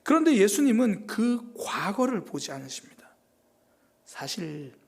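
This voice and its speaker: A man preaching a quiet, contemplative sermon with a pitch that rises and falls freely. He lowers his voice to a breathy whisper at key moments and draws out important words slowly. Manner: gentle, reflective preaching that often drops to a breathy near-whisper; slow, drawn-out emphasis on key words. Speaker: pastor.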